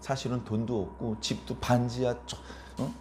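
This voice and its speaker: A man's voice: medium pitch, flat delivery, moderate pace, darkish tone, slight background noise. A man preaching a Sunday sermon as pastor, speaking conversationally, asking rhetorical questions and acting out quoted elderly parents.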